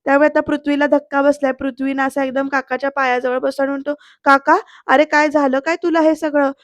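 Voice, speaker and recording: A woman's voice: high-pitched, flat delivery, fast talker, dry recording. A woman narrating a voice-over review of a TV serial episode, retelling the scenes and quoting each character's lines in turn.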